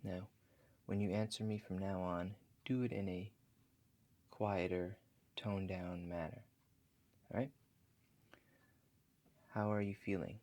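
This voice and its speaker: In a soft-spoken ASMR roleplay, a man with a deep voice plays a calm, attentive house-call relaxation agent who guides breathing. He calmly explains things, speaking slowly and gently with reassuring instructions and frequent check-ins.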